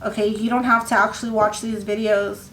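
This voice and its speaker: A woman giving a casual tarot reading, talking in a rambling, halting way with many fillers and restarts. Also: mid-range voice, flat delivery, a bit bright, a little hiss or hum. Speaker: tarot reader. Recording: echoey room with faint ambience.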